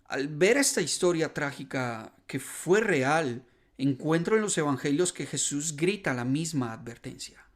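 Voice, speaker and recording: A man's voice: fairly high pitch, expressive, measured pace. A man hosting a podcast who preaches a sermon as an earnest story and lifts his voice to stress key points.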